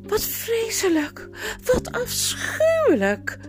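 A woman reading a storybook aloud and voicing a whiny, easily frightened young noblewoman in a high, squeaky, tearful wail. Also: wildly swooping pitch, slow, soft background music, exaggerated voice.

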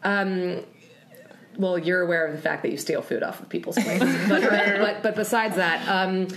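A woman's voice: fairly low pitch, normal speed, heavy background noise. A woman in her late twenties, telling stories as an interview guest and laughing through them. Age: late 20s. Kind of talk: casual storytelling. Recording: roomy echo.

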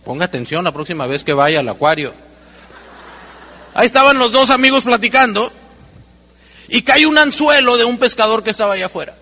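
Man, motivational speaker, high voice, gravelly, animated seminar talk, long hall reverb. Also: brisk, pauses often. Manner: animated, acts out dialogues with humor.

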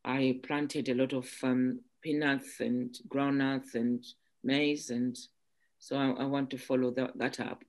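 A woman from Zimbabwe, an entrepreneur guest in an interview, who talks haltingly with many restarts and "um"s. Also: a bass voice, little pitch movement, a little mellow. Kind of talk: casual interview chat.

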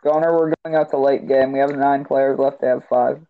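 A teenage boy hosting a gaming podcast, chatting casually and teasing his friend in a deadpan way. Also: medium pitch, brisk. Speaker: podcast host. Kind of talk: casual chat while gaming. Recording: tinny phone-like line, faint hiss.

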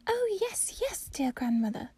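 A woman voicing a sweet, eager little princess in a storybook, with a lilting, breathy delivery. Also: very high-pitched, very animated, a little slow, mellow, no room sound, pitched above the performer's own voice, heavily acted.

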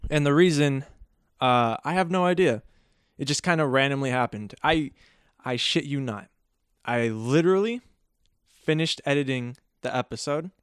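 A man's voice: medium pitch, animated, normal speed, clear, resonant tone, no echo, studio quality. A man hosting a solo podcast, telling a story casually in a joking, rambling way and often correcting himself. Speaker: podcast host.

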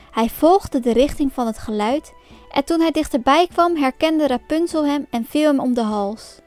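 High-voiced woman reading a fairy tale. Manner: calm, clear storybook reading. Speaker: storyteller.

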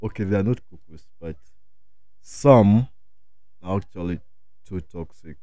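A young man with a deep, mellow voice chats casually as a guest. He is slow and hesitant, leaning on street slang, and the sound is dry and close. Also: no echo. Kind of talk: casual chat.

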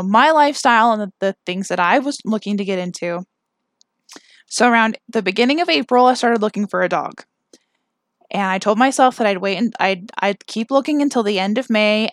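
A woman's voice: mid-range voice, dry recording. Young woman podcast host, chatty and self-deprecating, mid-range voice, dry recording. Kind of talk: personal storytelling. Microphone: camera mic.

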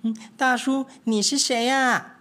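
Brief: man playing three chirpy storybook mice, high and bouncy. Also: animated. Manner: chirpy, cheerful, quick questions. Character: three chattering little mice, small and eager.

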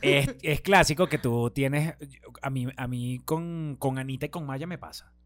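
A man's voice: mid-range voice, unhurried, fairly bright tone. A man with a Venezuelan accent chatting casually as host, teasing his guest playfully and mimicking voices. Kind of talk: casual chat.

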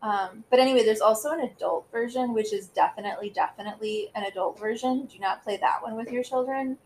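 A woman's voice: a little high, quick pace, a little mellow, slight background noise, low-quality recording. A woman in her thirties co-hosting a podcast in casual chat, rambling with lots of fillers and giggles. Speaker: podcast co-host.

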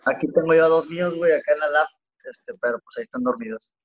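A man's voice: a little high, fast, highs cut off. A man with a Mexican accent telling a story in a casual, rambling podcast chat, heavy on slang, over a remote call. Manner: slangy, rambling, packs "güey" into every sentence. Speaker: podcast guest. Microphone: remote call audio.

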